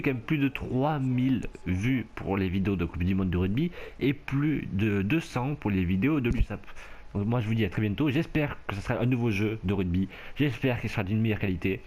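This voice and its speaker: This gameplay commentator speaks fast in a fairly low male voice. Narrating his own rugby video game match casually, he gets worked up easily, yelling and laughing as the action unfolds.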